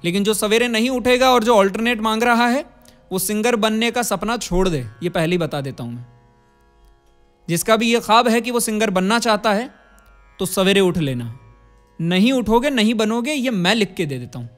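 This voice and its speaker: A man leads a singing lesson in a high, bright voice. He explains each step plainly and chants vowel drills for his students to copy. Soft music plays faintly behind him. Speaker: singing teacher. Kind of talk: vocal lesson.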